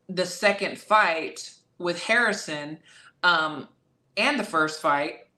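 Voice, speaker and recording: A woman's voice: lowish voice, pushed and bright, echoey room. Emphatic woman breaking down a boxing matchup. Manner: emphatic, repeats key phrases. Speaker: boxing trainer and guest analyst. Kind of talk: casual boxing analysis.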